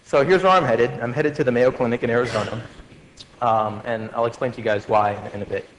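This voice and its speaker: A man's voice: mid-range voice, fairly even intonation, fast talker. A man in his forties addresses medical students in a lecture hall, his voice carrying a long reverb tail. He talks casually with jokes, fillers and restarts, over a faint background hum. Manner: conversational, joking, many fillers and restarts.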